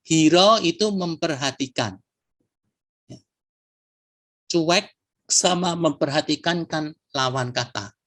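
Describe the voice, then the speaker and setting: A man giving a measured, reflective talk on word usage at a poetry sharing session, posing rhetorical questions as he explains. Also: on the high side, fairly bright tone.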